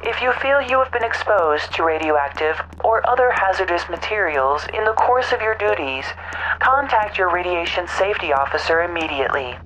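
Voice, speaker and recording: A woman voicing a calm female facility announcer, heard over a PA system and making a formal safety announcement. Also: lowish voice, normal speed, a little hiss or hum, poor audio. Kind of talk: scripted public announcement.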